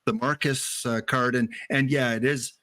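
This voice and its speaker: A man's voice: medium pitch, fairly even intonation, normal speed, sharp tone, no echo. A man with a Canadian accent, chatting casually as the host of a show about a baseball card game.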